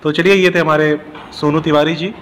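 Middle-aged male reporter, higher voice. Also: fairly even intonation, normal speed, fairly bright tone. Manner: leading, rambling questions. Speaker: news reporter. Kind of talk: news interview. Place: large indoor gym. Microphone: handheld news mic. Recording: long hall reverb, faint noise.

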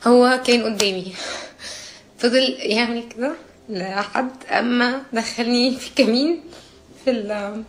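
A young woman from Jordan telling a personal account in a distressed, agitated way, halting and restarting as she talks. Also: on the high side, steady tone, a little hiss or hum.

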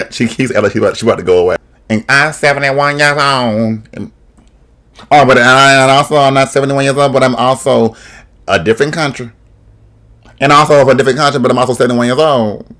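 A man's voice: mid-range voice, brisk, long pauses, a bit bright. A young man hosting a reaction video from a small room on a webcam and desk mic, cracking sassy, shady jokes and laughing often. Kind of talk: casual reaction commentary. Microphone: desk microphone, webcam.

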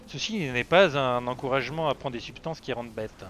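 A man's voice: medium pitch, fairly quick, fairly bright tone, slight background noise. A man chatting casually on a game live stream, rambling and self-mocking with lots of fillers. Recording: dry, slightly dull lo-fi sound.

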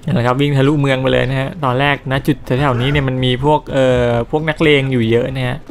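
A man's voice: medium pitch, steady tone, fast, creaky. A man casually narrating his gameplay, chatty and loose, dropping coarse slang and mild swears. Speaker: gameplay commentator. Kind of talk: casual let's-play commentary.

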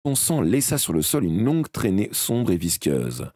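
A man reading a fantasy novel aloud in a live audiobook session, his voice very deep and dark with a husky grain. His delivery swings widely in pitch, expressive, though he sometimes stumbles and restarts a word, in a dry, close sound. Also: normal speed, no room sound. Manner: expressive, with occasional slips and restarts. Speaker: audiobook reader.

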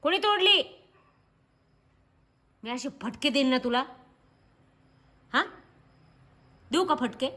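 A woman vlogger at home, scolding and asking the same sharp question again and again. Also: high-pitched, slow, pauses often. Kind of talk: casual home video.

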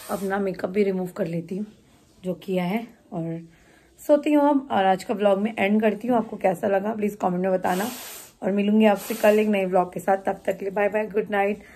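A woman's voice: mid-range voice, warm tone, a little hiss or hum. A young woman from Uttarakhand, India, vlogging in a casual, teasing way and talking straight to her viewers from a handheld phone around her home and neighborhood. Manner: chatty and teasing, addresses viewers directly. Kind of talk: casual vlog chat.

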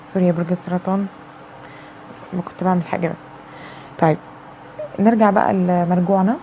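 Fast-talking Egyptian woman reading tarot. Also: on the low side, fairly even intonation. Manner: chatty, acts out quoted dialogue in shifting tones. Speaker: tarot reader. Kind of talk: casual tarot reading monologue. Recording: dull lo-fi sound with faint background noise.

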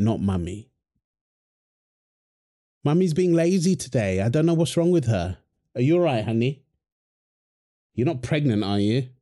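In a wholesome audio roleplay, a man with a warm, mid-range voice plays a husband and father. He playfully teases his partner and coos fondly at their baby.

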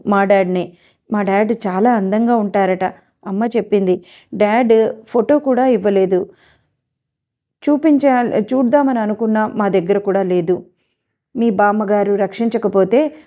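A woman's voice: mid-range voice, mellow, lightly acted. A woman voicing a wistful young woman. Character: young woman, grieving an absent father.

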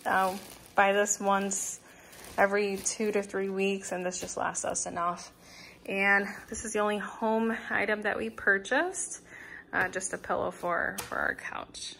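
A woman's voice: medium pitch, little pitch movement, a little slow, vocal fry, fairly bright tone. Young woman, home vlogger, casual chatty narration off-camera, phone mic, slight background noise. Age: young adult. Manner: chatty, list-like, frequent ums and restarts. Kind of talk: casual grocery haul narration. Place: home kitchen, indoors.

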